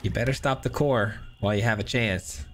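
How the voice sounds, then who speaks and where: A young gameplay commentator with a fairly low, fairly bright voice talks briskly over a digital card game. His casual commentary is upbeat and chatty, thinking aloud with frequent restarts, while faint music plays behind him.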